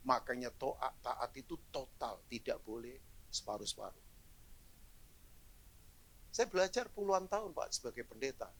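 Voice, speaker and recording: A middle-aged man preaching a live sermon as pastor to a church congregation, animated and joking, dropping to low asides then rising to loud exclamations. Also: breathy edge. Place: church hall, in front of a congregation.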